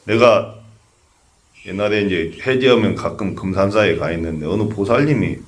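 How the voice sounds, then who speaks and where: A man's voice: deep voice, lively intonation, normal speed. An older man, a Buddhist monk, giving a conversational sermon that asks the audience questions and tells humorous stories. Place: temple memorial service.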